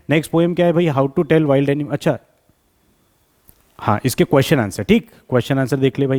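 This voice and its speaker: Man giving a slow, drawn-out revision lesson. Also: on the high side, darkish tone. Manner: switches between Hindi and English, reads English lines slowly and deliberately; checks in often with students, calls them "beta". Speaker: English teacher.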